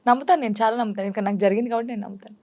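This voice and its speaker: A woman's voice: fairly high pitch, a little mellow. A young adult woman talking candidly and emotionally as a guest in a casual interview. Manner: candid, emotional, quick storytelling.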